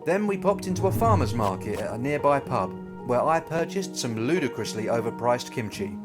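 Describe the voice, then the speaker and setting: A man narrates in the manner of an upbeat travel show host. His scripted storytelling is playful and wry, at a middling pitch. Guitar music plays clearly behind his voice. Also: big pitch swings, normal speed. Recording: loud music bed behind voice.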